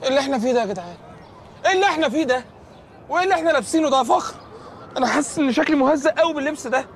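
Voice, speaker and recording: Whiny nervous egyptian dude, high voice, talks fast, faint noise behind. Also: male voice, expressive. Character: anxious, clueless young man lost in time. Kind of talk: comedy series acting.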